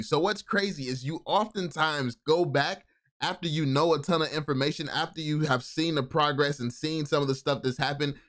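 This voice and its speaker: A man's voice: a little high, a bit bright. A man giving casual, enthusiastic video commentary, often repeating and restarting his words. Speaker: crypto YouTube commentator.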